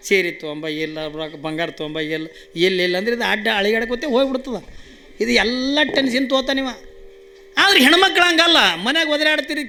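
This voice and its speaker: High, bright North Karnataka comic storyteller. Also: male voice. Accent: North Karnataka Kannada. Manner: animated, playful, acts out every character. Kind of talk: folk comedy storytelling.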